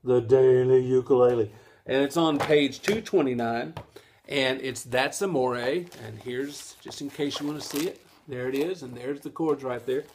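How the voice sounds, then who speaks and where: A man's voice: mid-range voice, moderate pace, a little hiss or hum. A middle-aged man, giving a casual, folksy ukulele lesson and laughing at his own jokes. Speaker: ukulele teacher.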